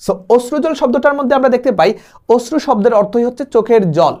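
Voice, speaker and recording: Young male tutor, fast-paced exam-prep lecture, explanatory, peppered with English words. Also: extremely high pitch, darkish tone. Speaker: admission test tutor.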